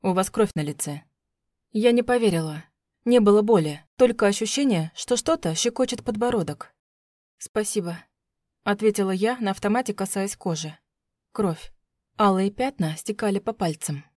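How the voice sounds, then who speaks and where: A woman's voice: mid-range voice, normal speed, darkish tone, dry recording, studio quality. Woman narrating a dramatic audiobook. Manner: tense, dramatic reading. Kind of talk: first-person audiobook narration.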